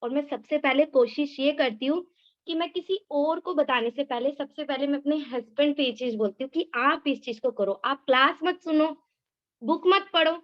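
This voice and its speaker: A woman's voice: sits high, lo-fi sound. A woman eagerly sharing a personal story on a video call, talking nonstop and calling the host ma'am. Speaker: participant sharing her experience.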